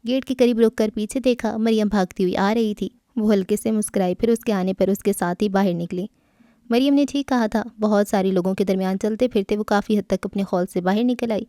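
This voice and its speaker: Mellow woman narrating a novel. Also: mid-range voice, no room sound, clean studio sound. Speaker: audiobook narrator.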